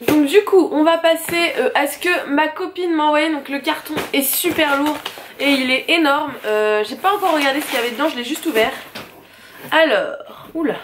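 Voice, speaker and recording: A young woman with a high, light voice talks through a shopping haul for her vlog. She is chatty and relaxed, often pausing with a hesitant filler and an easy laugh, over a faint hiss in the background. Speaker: vlogger.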